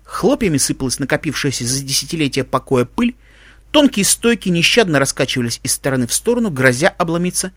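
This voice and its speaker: A man narrating a fan fiction story with expressive, dramatic storytelling. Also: on the high side, fast, no echo. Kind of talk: audiobook fan fiction reading.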